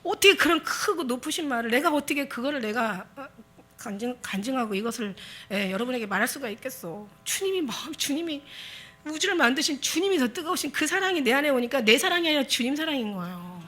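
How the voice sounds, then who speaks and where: A woman's voice: high voice, animated, quick pace, a bit bright. A woman pastor preaching a Sunday sermon, impassioned and exhorting her congregation with emphatic repetition.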